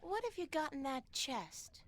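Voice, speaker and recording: Young female game adventurer, high voice, animated, earnest questioning, faint background noise. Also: unhurried. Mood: inquisitive. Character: inquisitive young female adventurer, polite and bookish.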